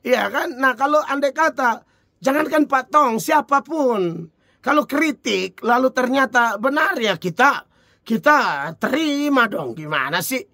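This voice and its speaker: Man, preacher, informal sermon, high voice, dry recording. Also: a little slow, creaky, dry recording. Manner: rhetorical questions, chuckling, lively.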